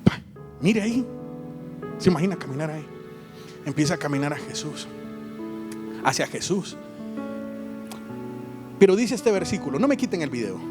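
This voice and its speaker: Honduran pastor, high-pitched, animated storyteller, music playing underneath. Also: male voice, normal speed, long pauses. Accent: Honduran Spanish. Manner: animated storytelling, acts out voices and jokes. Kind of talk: lively sermon. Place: church hall.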